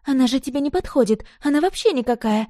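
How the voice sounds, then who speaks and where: A woman reading the part of a jealous, desperate young woman, voicing her shrill and pleading in an audiobook. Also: expressive, fast, dark tone, dry recording, studio quality. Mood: heated, pleading. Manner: shrill, pleading then furious.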